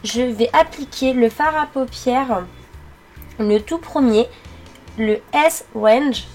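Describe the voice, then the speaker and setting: A young woman narrating her makeup routine step by step, pausing often with fillers as she works. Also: a little high, darkish tone, soft background music. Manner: halting, many fillers while working. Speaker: beauty vlogger. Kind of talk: makeup tutorial voice-over.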